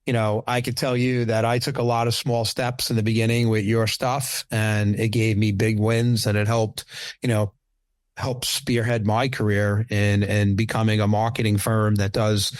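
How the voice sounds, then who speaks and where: A man's voice: on the low side, clean tone, no room sound. A man hosting a podcast, giving eager, affirming replies and earnest thanks to his guest. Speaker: podcast host. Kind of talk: podcast interview.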